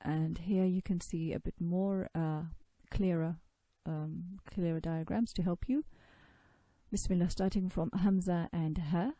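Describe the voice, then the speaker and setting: Dark-voiced woman teaching pronunciation, patient. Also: lowish voice, fairly even intonation, dry recording. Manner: patient, demonstrates sounds slowly with drawn-out vowels. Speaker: tajweed teacher. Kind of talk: recorded lesson explaining pronunciation.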